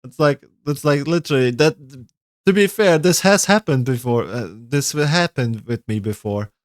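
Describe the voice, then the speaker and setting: A man's voice: medium pitch, normal speed, no room sound, studio quality. A man chatting casually on a livestream, reacting to game lore, rambling and correcting himself, and swearing now and then.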